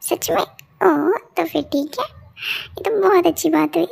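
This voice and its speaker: A woman's voice: very high voice, slow, gravelly, full character voice. A woman voicing a young household helper who fusses over her mistress. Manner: fussing, excitable.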